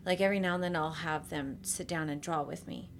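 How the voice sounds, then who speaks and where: A woman's voice: low-pitched, a little fast, a little hiss or hum. A woman in her thirties, an artist guest on a podcast, chatting casually with a sarcastic, self-deprecating manner.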